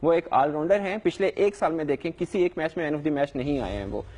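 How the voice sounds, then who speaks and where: A man's voice: a little high, lively intonation, a little mellow, long reverb tail. A young adult man, a sports reporter, answering questions in a live news interview in an earnest, defensive way with frequent hesitations.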